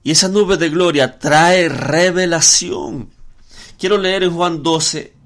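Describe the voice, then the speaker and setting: A man delivers a podcast sermon in a somewhat high voice. He teaches the scripture passage by passage, stumbling and restarting often and repeating words as he searches for the next thought. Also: slow pace, a bit bright. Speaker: preacher.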